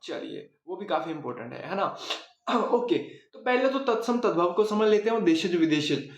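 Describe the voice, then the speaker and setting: A man's voice: high-pitched, big pitch swings, moderate pace, roomy sound. A man teaching a casual Hindi grammar lesson, chatty, repeating words for emphasis and asking and answering his own questions.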